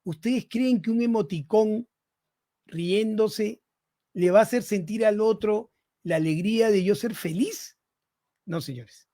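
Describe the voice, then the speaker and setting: Man, 60s, high pitch; doctor giving a podcast lecture, rhetorical, keeps checking in with the audience. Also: unhurried, dark tone. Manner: rhetorical, keeps asking listeners "¿no?". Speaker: physician podcast speaker. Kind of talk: lecture-style podcast talk to listeners.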